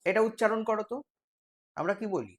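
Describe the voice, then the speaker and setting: A man's voice: high voice, a little fast. A man with a West Bengal accent teaching a live online exam-prep class, explaining step by step and quizzing his students.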